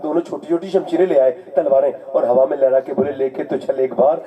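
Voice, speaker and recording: A man giving an emotional, dramatic sermon in Urdu, moving between loud shouting and soft pleading as he tells a story. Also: mid-range voice, fairly even intonation, highs cut off. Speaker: preacher.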